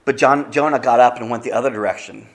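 A man's voice: medium pitch, fairly even intonation, fast talker. A man preaching a sermon, retelling a Bible story in a conversational way with easy asides to the congregation. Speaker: pastor.

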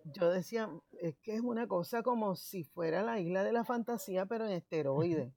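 A woman's voice: medium pitch, normal speed, gravelly, a little mellow, no room sound. Emphatic woman, dry sound. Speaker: podcast co-host. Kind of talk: casual political chat.

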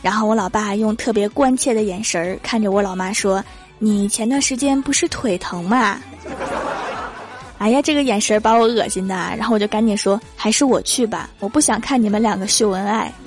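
A young woman hosting a comedy show, telling comic stories in a lively, teasing way. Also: mid-range voice, quick pace, few pauses, soft background music. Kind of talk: scripted comic monologue.

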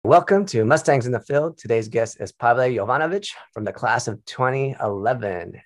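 A man's voice: medium pitch, lively intonation, normal speed, no echo. A man, a school counselor, hosting a podcast interview with an upbeat, encouraging manner.

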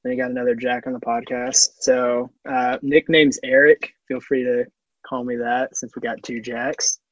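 A man's voice: medium pitch, flat delivery, normal speed, fairly bright tone, dull audio. A young man introducing himself on a podcast with friends, laid-back and laughing often. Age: young adult. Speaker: podcast co-host. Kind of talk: casual chat.

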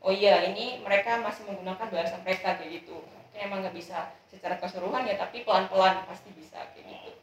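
Brief: young woman guest, fast hesitant talk with many fillers, set back from the mic. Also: medium pitch, steady tone. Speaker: student guest. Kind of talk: casual discussion. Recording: echoey room, distant mic.

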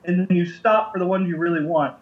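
Higher-voiced man on dull lo-fi audio. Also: a little fast. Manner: easygoing, laughs often, lots of ums. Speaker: podcast co-host. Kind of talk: casual chat.

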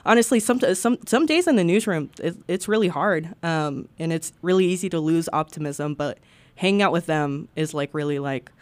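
A woman's voice: low voice, expressive, moderate pace, no echo. A young woman from Peru with a Southern US accent, chatting casually as a guest co-host on a podcast, full of likes and restarts. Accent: Southern US, Arkansas. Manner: chatty, many likes and restarts, laughs often.

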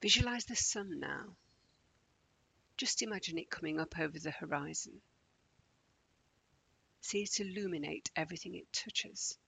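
A man leading a guided morning meditation in a slow, gentle, calming way, often dropping close to a whisper. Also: sits high, gravelly, slightly rough, low-quality recording.

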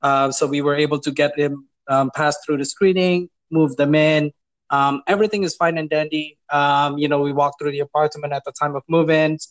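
A man in property management tells stories during a casual interview, amused and chuckling as he goes. His voice is on the high side with a steady tone and normal speed, he hesitates with many fillers and restarts, and the recording is rough.

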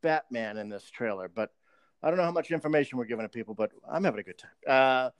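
A man's voice: medium pitch, quick pace, no room sound. A man co-hosting a podcast, chatting casually and joking with plenty of swearing. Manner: joking, swearing, slips into a mock British accent. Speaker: podcast co-host. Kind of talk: casual chat.

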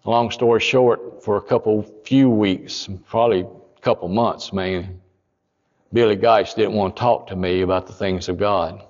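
A man, a pastor telling a story in a sermon, folksy and rising to loud emphatic peaks. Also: lowish voice, steady tone, a little slow, long reverb tail, lo-fi sound.

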